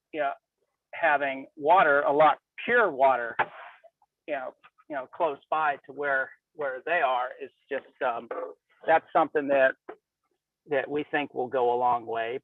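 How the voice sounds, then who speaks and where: A man's voice: mid-range voice, dry recording. Man calling in on a tinny phone from his car. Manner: halting, rambling, many fillers and restarts. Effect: calling in by cell phone from a moving car. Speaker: caller. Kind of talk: call-in open mic. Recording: tinny distant phone line.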